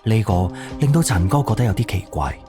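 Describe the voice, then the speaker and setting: A brisk male narrator with a fairly low voice and lively intonation tells a suspense story in scripted radio-drama fashion, with clear music playing behind him.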